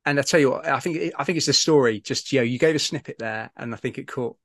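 A man's voice: medium pitch, fast, a bit bright, dry recording, clean studio sound. Podcast host, man chatting with guest. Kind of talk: conversational interview.

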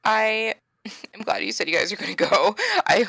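Giggly bright-voiced co-host. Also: mid-range voice, vocal fry, slightly rough, dry recording, clean studio sound. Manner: giggly, quick interjections. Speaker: podcast co-host. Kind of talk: casual chat.

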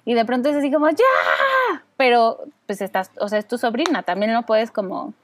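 A Mexican woman in her thirties chatting casually as a podcast co-host, animated and acting out children's voices. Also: on the high side, quick pace, slight background noise. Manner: animated, acts out kids' voices with squeals. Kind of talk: casual chat.

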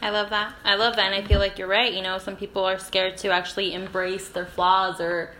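A woman's voice: medium pitch, flat delivery, fairly quick. A young adult woman hosting a podcast, upbeat and encouraging toward her guest. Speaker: podcast host. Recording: echoey room, faint noise.

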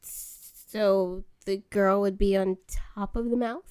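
A woman's voice: mid-range voice, fairly even intonation, takes it slowly, darkish tone, clean tone, no room sound, clean studio sound. A woman guest on a podcast, answering in a hesitant, unsure way. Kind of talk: casual chat.

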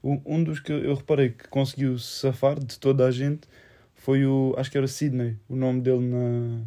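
A man's voice: mid-range voice, flat delivery, normal speed, mellow. A young man with a European Portuguese accent in casual conversation, mixing English phrases into his speech. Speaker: film discussion podcast co-host. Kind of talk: casual chat.

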